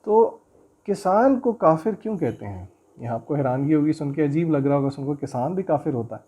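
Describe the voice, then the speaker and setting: A man teaching a Quran recitation and tafseer lesson, chanting verses slowly and melodically, then explaining them in quick conversational speech. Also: a little high, lively intonation, mellow, breathy edge.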